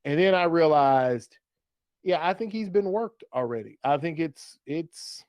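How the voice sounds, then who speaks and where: This fantasy football podcast host has a slightly high, animated voice and talks at a measured pace, steering segments and questions in casual sports chat. He speaks colloquially and repeats phrases for emphasis. The recording is dry and the audio sounds dull.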